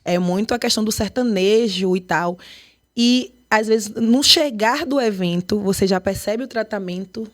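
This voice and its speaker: A woman with a Bahian Portuguese accent talks in a podcast interview, lively and emphatic. She is a choreographer and artistic director who tells her stories at a brisk, animated clip with a mid-pitched voice. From Brazil, Bahia.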